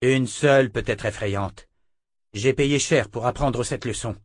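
A man's voice: medium pitch, normal speed, dry recording, clean studio sound, close to an everyday voice. A man voicing a blunt, defiant young swordsman in a storybook reading, curt and guarded.

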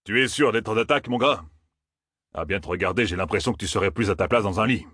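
A man's voice: lowish voice, quick pace, fairly bright tone, slightly rough, no room sound, clean studio sound. A man reading aloud and voicing a commanding veteran weapons master.

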